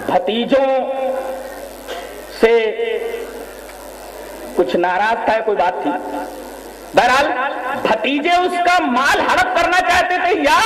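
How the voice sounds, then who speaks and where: A man with a Pakistani Urdu accent preaching a lively sermon, reciting Arabic and explaining it. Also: very high-pitched, roomy sound, rough recording.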